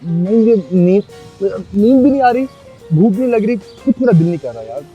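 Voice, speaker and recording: An actor playing a sleepy, dry-humored young husband in a TV drama, answering with sarcasm. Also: male voice, high voice, sing-song, moderate pace, highs cut off, soft background music. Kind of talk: TV drama acting.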